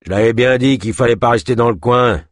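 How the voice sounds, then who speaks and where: Burly grouchy trapper, as a narrator puts him on: low, gruff, husky audiobook read. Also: male voice, lively intonation, fairly quick, darkish tone, dry recording, clean studio sound. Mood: grumbling. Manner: gruff grumbling. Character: burly grumpy male trapper.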